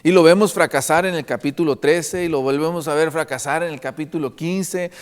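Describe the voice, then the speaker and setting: A man's voice: fairly high pitch, brisk. A male preacher delivering an earnest sermon and repeatedly calling out to the congregation as his brothers. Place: church. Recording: long reverb of a church hall.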